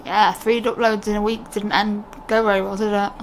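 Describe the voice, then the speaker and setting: A woman's voice: mid-range voice, flat delivery, normal speed, a little hiss or hum. A young British woman talking to camera in a casual, unscripted way, candid and rambling, often breaking off her own sentences. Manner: candid, rambling, self-interrupting. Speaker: vlogger.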